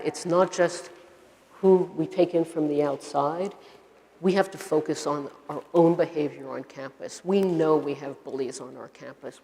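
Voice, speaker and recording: A woman professor with a Brooklyn accent gives a measured, emphatic public speech to an audience. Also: deep voice, a little mellow. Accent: Brooklyn, New York. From Brooklyn, United States. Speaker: professor giving a lecture. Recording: echoey hall with long reverb.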